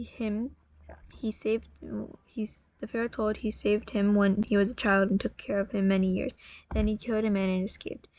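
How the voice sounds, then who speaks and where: A tired woman telling a religious story in a casual, halting way, often correcting herself. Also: mid-range voice, darkish tone, no echo, muffled recording. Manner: halting, self-correcting, apologetic.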